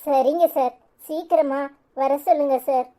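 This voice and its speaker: A woman voicing a calm elder sister who soothes and reassures in a lowered voice, with a Tirunelveli Tamil accent. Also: a little slow. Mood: reassuring.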